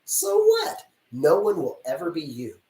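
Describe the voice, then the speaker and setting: A man with a warm, slightly high voice and huge pitch swings speaks a little slowly. He is a casting director at a live Q&A, offering actors frank, chatty advice and playing out short dialogues, captured in distant, roomy sound.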